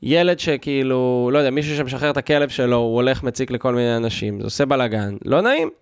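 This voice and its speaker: A man's voice: medium pitch, lively intonation, clear, resonant tone, dry recording, studio quality. A man hosting a podcast, delivering a sarcastic, mock-outraged comedic rant in a loose, talky way with fillers and restarts. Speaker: podcast host.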